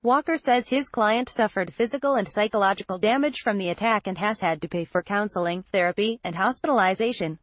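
A woman narrating a news report in a steady, scripted read. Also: medium pitch, fairly quick, few pauses, dry recording.

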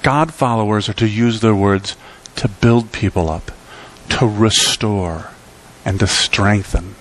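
A middle-aged pastor delivers a sermon from a lectern in a church sanctuary, his emphatic, rhythmic preaching sweeping between loud peaks and quiet drops in pitch and volume. He speaks slowly, and the rough recording carries a little hiss or hum.

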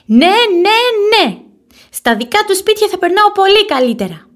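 A woman voicing a stubborn young boy bunny in a storybook reading, shrill and whiny. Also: very animated, a bit bright, full character voice. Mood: angry.

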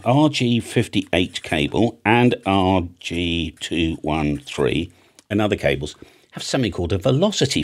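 A husky-voiced British man in his fifties, fairly low in pitch, gives a chatty, plain-spoken tutorial as an amateur radio operator and antenna maker, often checking in with "right?" and "okay?". He's close on a large studio microphone on a boom arm in a small indoor home studio.

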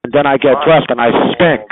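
Casting: forties man, crude rambling chat-line caller, a bit high-pitched, singsong. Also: phone-quality sound. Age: 40s.

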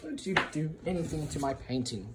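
Filming a family skit on a handheld phone, a vlogger with an Australian accent teases a sibling in casual, bossy banter. The delivery is brisk and lively, mocking and jumping between high and low. The small bedroom with blinds and a gaming desk makes the recording echoey and very noisy.

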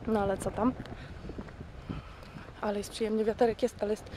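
A woman from Poland, in her 20s, talks offhandedly and rambles in slang to her handheld camera while outside on streets and a platform and aboard a train. Her delivery is flat and at a normal pace. Traffic and travel rumble fill the noisy camera-mic audio, recorded at arm's length.

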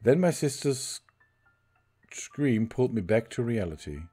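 Brief: German-accented male streamer reading a story game, dark and mellow tone, faint game music underneath. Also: mid-range voice, big pitch swings, breathy edge. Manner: slow reader who chuckles and corrects himself. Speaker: let's play streamer. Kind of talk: reading game text aloud with commentary.

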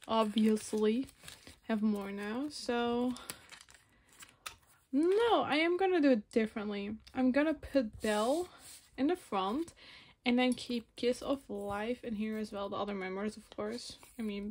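A woman's voice: on the high side, unhurried. A woman in her twenties from Belgium, a native Dutch speaker, chatting casually and rambling as she sorts photocards. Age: 20s. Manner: rambling, self-correcting, soft-spoken. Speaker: vlogger. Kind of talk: casual chat while sorting photocards. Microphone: phone camera.

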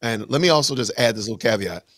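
A man's voice: medium pitch, animated, fast talker, a bit bright, no room sound, clean studio sound. A man explaining things step by step in a casual livestream chat, with frequent fillers and restarts.

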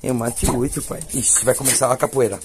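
A man's voice: mid-range voice, fairly even intonation, fast talker, a little hiss or hum. A man with a Brazilian Portuguese accent, a dog breeder chatting playfully with viewers and cooing baby talk to his dogs outdoors at a kennel. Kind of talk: casual vlog.

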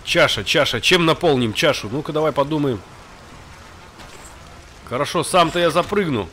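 A man's voice: on the high side, expressive, moderate pace, a bit bright. Man thinking aloud over a game. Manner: thinking aloud in short colloquial phrases. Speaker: gamer, let's-play host. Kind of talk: casual improvised gameplay commentary. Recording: faint noise of game rain behind. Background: game ambience with rain.

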